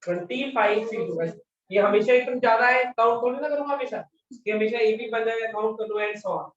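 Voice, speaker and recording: A man's voice: very high-pitched, brisk, fairly bright tone. A male math teacher giving a classroom lecture, repeating his questions and constantly prompting his students for answers. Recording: echoey room, distant mic, dull lo-fi sound.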